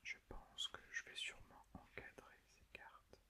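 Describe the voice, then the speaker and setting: A woman presenting softly in an unvoiced, hushed library whisper, explaining things carefully in an ASMR style. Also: a little slow. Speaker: ASMR video host.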